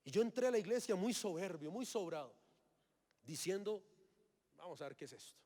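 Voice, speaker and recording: A man's voice: high voice, lively intonation, fairly quick, a little mellow. A man, giving a sermon testimony and acting out his own past reactions as he tells the story. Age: 30s. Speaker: preacher.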